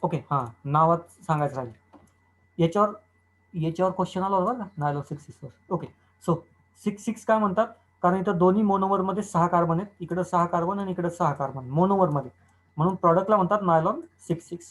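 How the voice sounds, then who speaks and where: A man's voice: high voice, fast, low-quality recording. A man lecturing on chemistry, explaining step by step and answering his own questions. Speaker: chemistry teacher. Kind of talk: classroom lecture.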